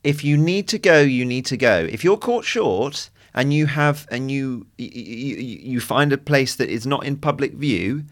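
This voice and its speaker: A young man chatting casually as a podcast co-host, halting and repeating words, with a dry humour. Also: mid-range voice, animated. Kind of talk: casual chat.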